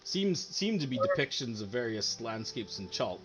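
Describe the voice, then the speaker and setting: A man narrating a tabletop game as game master in a casual, halting, improvised way. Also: mid-range voice, very animated, a crowd in the background. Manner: halting, filler-heavy, casual.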